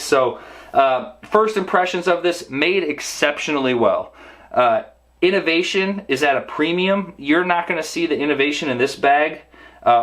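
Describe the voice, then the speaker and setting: A man's voice: fairly high pitch, fairly bright tone, slight background noise. A man casually reviewing a camera backpack on his vlog, talking conversationally with frequent fillers. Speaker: camera gear vlogger.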